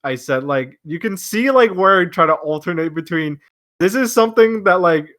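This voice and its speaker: A man's voice: high-pitched, lively intonation, moderate pace, a bit bright. A man from the cast chatting in a commentary, rambling with lots of fillers. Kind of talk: casual commentary chat.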